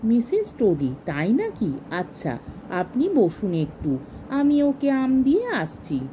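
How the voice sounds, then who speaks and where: A woman's voice: on the high side, wildly swooping pitch, slow pace, mellow, slight background noise, full character voice, low-quality recording. A woman reading a story aloud and voicing a naive, eager lady who speaks politely.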